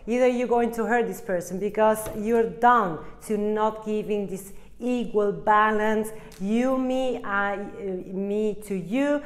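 A woman's voice: mid-range voice, takes it slowly, few pauses. Rambling woman doing a tarot reading. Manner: rambling, searches for words, laughs at herself. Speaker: tarot reader.

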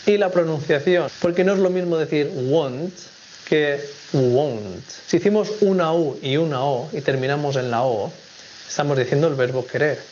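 A man from teaches English grammar in a recorded video lesson. He explains each point in a clear, measured way and says the English examples slowly. The audio is dull and lo-fi, with a faint hiss behind him. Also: a little high, a little mellow.

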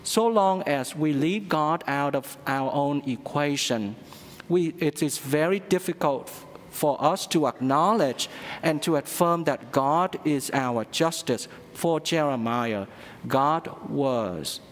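A middle-aged man, a priest, giving a sermon at the altar with a slow, halting delivery full of fillers. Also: fairly high pitch. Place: large church sanctuary at the altar. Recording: long church reverb.

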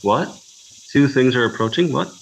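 A man's voice: mid-range voice, expressive, moderate pace, vocal fry, lo-fi sound, a little hiss or hum. A man chatting casually as a player in a tabletop roleplaying game.

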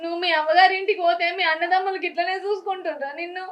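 A woman's voice: very high voice, fairly even intonation, moderate pace, dull audio. A woman playing a village daughter, Telangana accent, tearful complaints, far-off echoey recording, music over it. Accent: Telangana Telugu. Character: grown village daughter sobbing to her mother by phone. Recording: roomy, distant, music over it.

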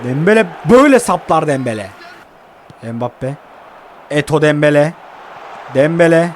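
A young man giving excitable live commentary while playing a mobile football game, groaning and cursing at it. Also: fairly high pitch, a little slow, slight background noise.

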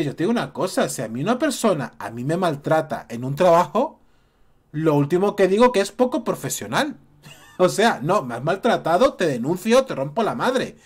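A man, ranting as a YouTube commentator, indignant and repeating his points. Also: sits high. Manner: indignant, repeats points and mocks others in quotes. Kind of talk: opinion rant to camera.

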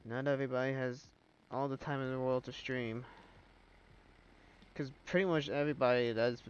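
A young man with a stuffed-up, sleepy voice gives live gameplay commentary, laid back but bursting into excited shouts at the action. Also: medium pitch, moderate pace, muffled recording, a little hiss or hum. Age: young adult. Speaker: game streamer.

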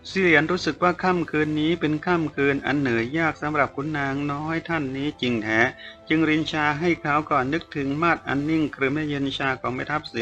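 A man reads a translated novel aloud and breaks off into chatty asides to explain old words. His voice is bright and forceful. The recording is dull and lo-fi, with faint music underneath. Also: on the high side. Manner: stops to explain terms chattily. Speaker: story reader.

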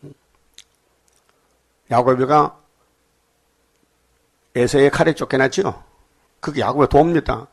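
An older man preaching at a dawn service, folksy and lively, quizzing his listeners and acting out scripture scenes. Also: medium pitch, vocal fry, slightly rough. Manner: lively, folksy, asks the congregation questions; acts out scripture dialogue in dialect. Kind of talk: dawn sermon.

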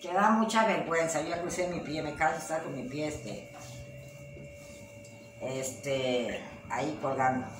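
An older woman with a Mexican accent talks in a rambling, affectionate way, like a grandmother chatting with her viewers. Her voice sits back from the mic in an echoey space. Steady background noise runs under everything she says. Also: low voice, measured pace, distant mic. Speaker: vlog host, grandmother. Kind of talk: casual home vlog chat.

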